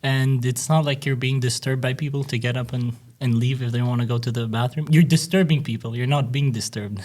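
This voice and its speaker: A young man from Albania talking casually in a student discussion, relaxed and rambling, laughing now and then. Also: mid-range voice, brisk. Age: young adult. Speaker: student panelist.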